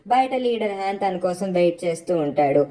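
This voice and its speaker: Woman retelling a drama plot super fast, brisk storyteller vibe. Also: lowish voice, lively intonation, mellow. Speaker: drama recap narrator.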